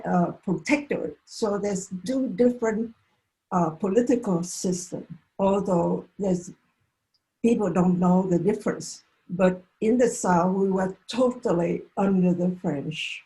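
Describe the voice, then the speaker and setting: An elderly woman in her eighties, a native Vietnamese speaker from South Vietnam, speaks unhurriedly with halting pauses and restarts. Her voice is low and mellow, sitting a little below most women's. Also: poor audio. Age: 80s. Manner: slow, halting speech with restarts and fillers. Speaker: interview guest. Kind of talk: unscripted interview answers.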